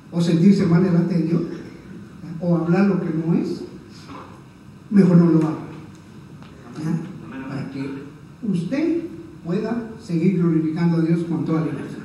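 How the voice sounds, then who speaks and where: A man's voice: a little high, takes it slowly, pauses often, mellow, distant mic, lo-fi sound, a little hiss or hum. A male pastor preaching a sermon, earnest and conversational, often checking in with his congregation. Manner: earnest, repeats "¿verdad?" to the congregation. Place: church hall. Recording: echoey church room heard from afar.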